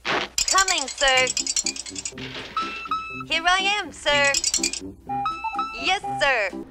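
A woman's voice: sits high, expressive, extremely slow, full character voice. A woman voicing a polite female robot maid in a cartoon, who answers obediently. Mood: obliging. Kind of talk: cartoon voice acting. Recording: far-off cartoon clip over loud music.

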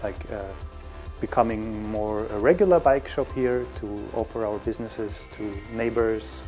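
A man's voice: lowish voice, measured pace, mellow, soft background music. A man speaking hesitantly with fillers in a bike shop. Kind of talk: interview.

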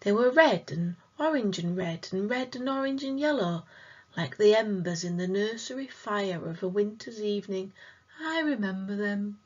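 A woman's voice: mid-range voice, animated, normal speed, muffled recording, natural voice. A woman voicing a faint, sad ghost child from long ago who talks hesitantly and wistfully in old-fashioned words.

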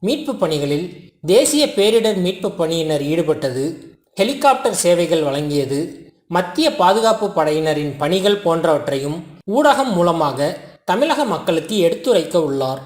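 Casting: formal scripted news narrator, measured phrasing, animated intonation, roomy echoing sound. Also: medium pitch.

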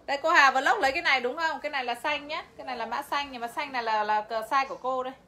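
A woman's voice: high voice, very fast, pushed and bright, slight background noise. A woman selling clothes on a livestream, chatty and talking straight to her viewers. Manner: chatty, addresses viewers directly, laughs often. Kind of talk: live sales pitch.

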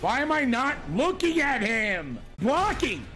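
A man in his thirties raging at a video game as he streams it, shouting in exasperation and swearing heavily. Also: extremely high pitch, very animated, unhurried, soft background music. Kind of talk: live gameplay commentary.

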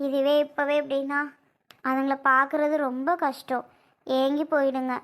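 A woman playing a very high-voiced, tearful young wife. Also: level tone, normal speed, close to an everyday voice. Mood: worried. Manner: whiny, tearful pleading. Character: young tearful pregnant wife, mother of twins. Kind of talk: Tamil family skit acting.

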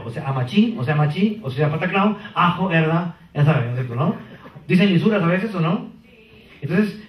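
A man with a Peruvian accent giving a lively sales-training seminar, quizzing the audience as he goes. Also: a little high. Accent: Peruvian Spanish. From Peru. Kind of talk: live motivational seminar talk. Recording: roomy, distant, dull seminar hall.

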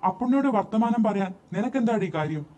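A man voicing a harsh, furious older woman who heads the family, scolding at a shout with a raised pitch. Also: animated, brisk. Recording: dull lo-fi recording, faint music behind.

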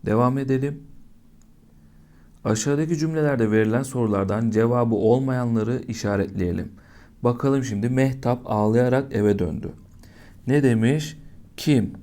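A man's voice: medium pitch, normal speed, pauses often, dark tone. A man teaching a primary school lesson, patiently asking young children questions and answering them himself.

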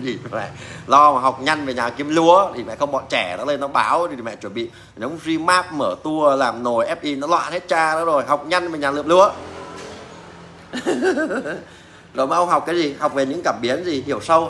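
A middle-aged mechanic, talking off the cuff in a blunt, mocking way and swearing as he goes. His voice sits a little high for a man, with a faint hiss of noise behind it. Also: brisk, creaky, bright, forceful tone. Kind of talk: casual rant to fellow mechanics.

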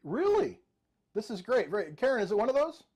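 A man's voice: sits high, big pitch swings, brisk, darkish tone, husky. A middle-aged man performing jokey, interactive mind-reading magic patter as a showman, addressing participants by name. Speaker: virtual magician and mentalist. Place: indoor room with bookshelves, video call.

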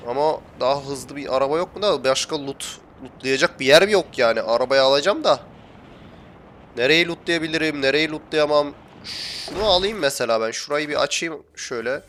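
A man's voice: a little high, lively intonation, brisk, a bit bright, slight background noise. A young man commentating his gameplay for viewers, chatty and often complaining that he is getting annoyed. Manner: grumbling, gets worked up and complains to viewers. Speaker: gaming YouTuber.

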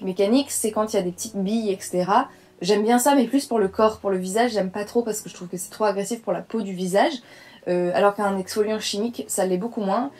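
A woman's voice: medium pitch, a little mellow. A young adult woman chatting casually as a beauty vlogger, hesitant and full of fillers as she reviews her products.

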